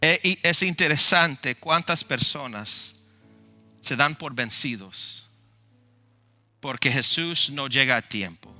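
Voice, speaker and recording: A male pastor preaching a sermon, telling the story dramatically and swinging between loud passion and hushed tones. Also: medium pitch, animated, slow, pauses often, soft background music.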